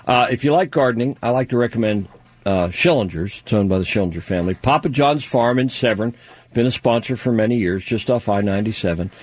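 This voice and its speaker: A man's voice: mid-range voice, fairly quick, breathy edge. A man, hosting a radio show and doing chatty live-read ads with personal asides. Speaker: radio host reading sponsor ads. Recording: dull lo-fi radio broadcast.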